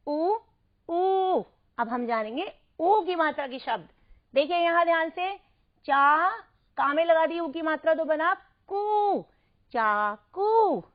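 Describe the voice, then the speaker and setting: Woman, primary teacher, high voice, careful slow drilling of words, dull lo-fi sound. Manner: slow, clearly enunciated, has listeners repeat words. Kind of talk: children's Hindi lesson. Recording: dull lo-fi recording.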